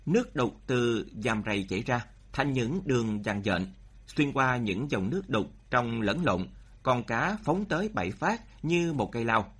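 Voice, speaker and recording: Husky expressive male storyteller. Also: mid-range voice. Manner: expressive, shifting pace for drama. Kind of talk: storytelling narration.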